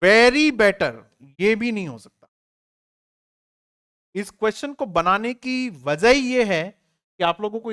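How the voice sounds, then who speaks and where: A man with a high, slightly bright, clean-toned voice teaches an online grammar lesson for exam prep. He poses questions to students and answers them himself, repeats key words, spells them letter by letter, and cheers the class on in a friendly, casual way.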